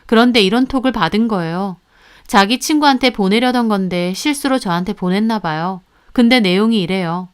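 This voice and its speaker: A woman's voice: mid-range voice, a little fast, smooth. A woman narrating a family conflict in the first person, indignant and confiding. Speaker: storyteller.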